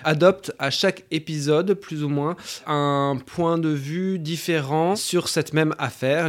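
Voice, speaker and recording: Male podcast host, fairly high voice, lively and laughs between questions. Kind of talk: round-table film podcast hosting.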